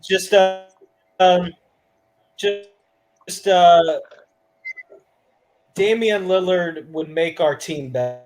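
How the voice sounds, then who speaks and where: Give me a high-voiced man whose call audio keeps breaking up and cutting out. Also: animated, a little mellow, rough recording. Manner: halting, restarts words mid-phrase. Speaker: panelist on a sports call-in show. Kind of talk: casual sports debate over an online call. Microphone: remote call audio.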